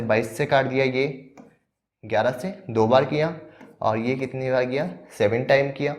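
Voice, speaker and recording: A man's voice: mid-range voice, darkish tone. Man explaining maths problems step by step. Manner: explains step by step, asks questions then answers them. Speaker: maths teacher. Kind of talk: exam-prep maths lesson.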